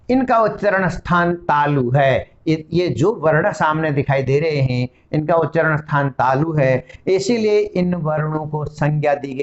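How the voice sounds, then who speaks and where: A man's voice: on the high side, highs cut off. A man teaching a Sanskrit grammar lesson, explaining and spelling out each sound one at a time. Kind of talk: classroom-style lesson.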